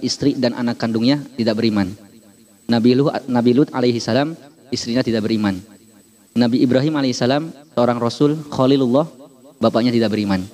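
A man's voice: medium pitch, darkish tone. A man giving a formal sermon, opening with rhythmic Arabic formulas. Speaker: preacher.

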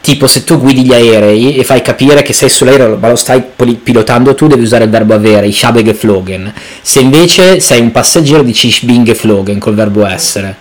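A man's voice: mid-range voice, fairly quick, hardly any pauses, low-quality recording. An Italian man chatting casually and telling anecdotes in a joking, self-mocking way, dropping English phrases into his Italian. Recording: background noise and ambience.

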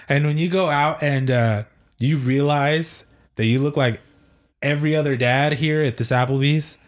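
A man's voice: on the high side, measured pace. A man in his thirties co-hosting a gaming podcast, chatting casually in a rambling way, laughing often and swearing now and then. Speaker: podcast co-host. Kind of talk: casual chat.

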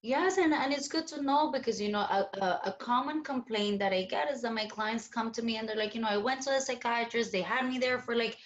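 A woman from Colombia, speaking as a guest therapist in a relaxed podcast conversation. She explains patiently and thoughtfully, with frequent "you know"s. The sound is a little dull and lo-fi. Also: a little high, a little fast, hardly any pauses.

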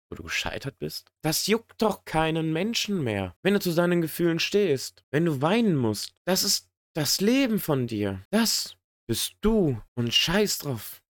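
A man's voice: medium pitch, no echo, clean studio sound. A man in a motivational monologue who speaks earnestly and directly to the listener. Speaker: podcast host.

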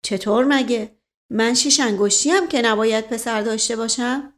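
A woman voicing a blunt, gruff old mother-in-law with a hoarse, rough voice, scolding sharply in an audiobook. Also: fairly high pitch, natural voice. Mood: snapping. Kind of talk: audiobook character reading.

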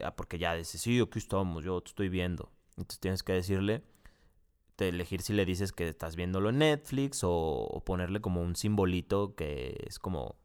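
A man's voice: deep voice, gravelly, clean tone. A man with a Mexican accent giving a casual, profane, rambling spoken review full of slang and restarts. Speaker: video reviewer.

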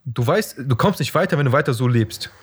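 A man's voice: medium pitch, expressive, fairly quick, husky. A young man talking bluntly and crudely in a casual podcast chat, ranting about people he knows.

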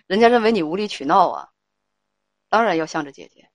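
A woman's voice: fairly low pitch, no room sound. A woman hosting a live call-in advice stream, firmly steering and judging a caller's family quarrel. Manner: firm, talks over the caller to steer her. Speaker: livestream advice host.

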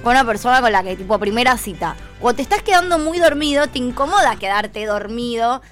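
A woman's voice: on the high side, expressive, brisk, a bit bright, soft background music. A woman with a Rioplatense accent co-hosting a podcast, chatting bluntly and casually, swearing and laughing. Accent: Rioplatense Spanish. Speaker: podcast co-host. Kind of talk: casual chat.

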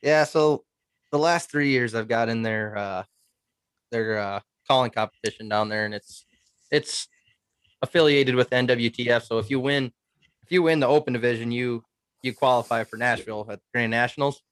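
A man's voice: mid-range voice, normal speed, a bit bright, smooth, no room sound. Young man in casual chat, dry sound. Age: 20s. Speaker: guest turkey caller.

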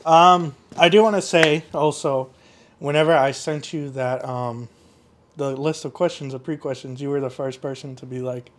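Male podcast host, mid-range voice, relaxed and rambling, faint noise in the background. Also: mid-range voice, normal speed. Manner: laid-back, rambling, heavy use of "like". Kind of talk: casual interview chat.

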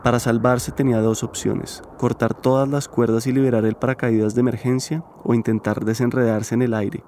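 A man narrating a documentary podcast from a script, in a measured, even way. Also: mid-range voice, slight background noise.

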